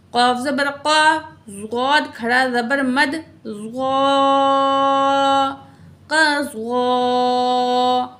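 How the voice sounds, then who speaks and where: Woman tajweed teacher, high voice, spells letters slowly, chants verses long and drawn out. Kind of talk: word-by-word recitation lesson.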